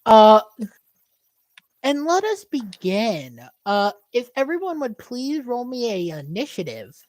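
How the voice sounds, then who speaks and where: A woman's voice: on the high side, big pitch swings, slow, darkish tone, dry recording. A woman running a tabletop game as game master, guiding the players step by step over an online voice call. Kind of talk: casual tabletop game chat.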